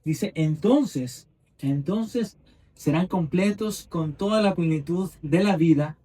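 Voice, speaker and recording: This sermon comes from an Ecuadorian man in his twenties who preaches slowly and with fervor, repeating phrases and raising the emphasis as he goes. His voice is fairly high yet dark and mellow, captured from afar by a mic inside the church.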